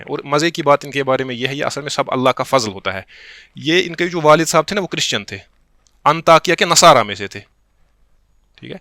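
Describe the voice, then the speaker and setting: Bright, dry-voiced male lecturer from Kashmir. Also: on the high side, no room sound. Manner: explains slowly, reads Arabic text then glosses it, checks understanding with the class; quotes lines slowly and deliberately. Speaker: instructor. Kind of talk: classroom lecture on a religious text.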